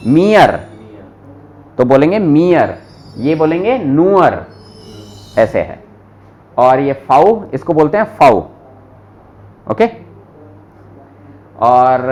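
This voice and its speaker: Slow, lively-voiced male German teacher. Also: fairly high pitch. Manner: slow, patient, repeats words aloud for students; asks students questions directly. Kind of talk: live classroom lesson.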